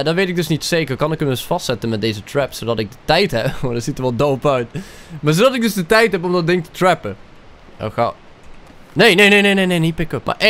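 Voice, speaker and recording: A young man with a Dutch accent, commentating his own gameplay, excitable, swearing and dropping English slang into his talk. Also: on the high side. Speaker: gaming YouTuber.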